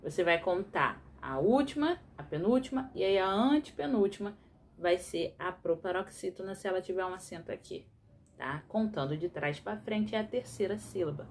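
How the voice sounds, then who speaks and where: A woman's voice: mid-range voice, lively intonation, a little hiss or hum. Patient teacher, woman. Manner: patient, explains slowly with frequent checks "tá?". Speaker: primary school teacher. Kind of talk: recorded remote class explanation.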